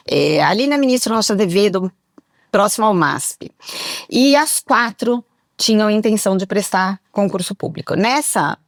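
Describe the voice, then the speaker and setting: Woman, middle-aged, loud voice, lively storytelling, studio mic, dry close sound. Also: medium pitch, normal speed, no echo. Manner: talks very loudly; lively anecdotal telling. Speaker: guest, public prosecutor. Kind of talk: podcast interview storytelling.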